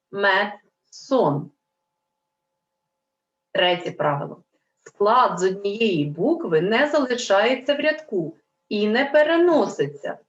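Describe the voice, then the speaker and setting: A woman gives a lesson to young children, stretching out each example word so they can follow. Her pitch rises and falls a lot as she explains. The sound is a bit dull and echoes as in a room. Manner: slow, clear, drawn-out word dictation. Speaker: primary school teacher. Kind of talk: Ukrainian language lesson for children.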